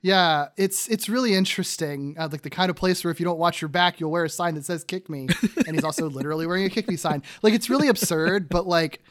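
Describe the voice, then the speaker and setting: Male co-host, slightly high voice, casual recap chat, enthusiastic, giggly. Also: fast talker, few pauses, a bit bright. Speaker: podcast co-host.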